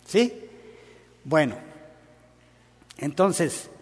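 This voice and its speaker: A man's voice: fairly high pitch, very animated, extremely slow, husky, big-room sound. A man preaching a sermon in a conversational, storytelling way.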